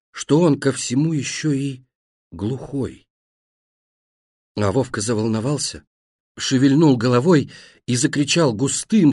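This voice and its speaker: Expressive male audiobook narrator. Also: mid-range voice, husky, no echo, studio quality. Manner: measured, expressive storytelling. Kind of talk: literary first-person narration.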